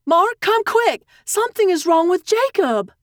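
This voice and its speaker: A woman's voice: extremely high pitch, very animated, measured pace, no echo, clean studio sound, pitched above the performer's own voice, heavily acted. A woman voicing a frightened mother who calls out in urgent, pleading cries. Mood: alarmed.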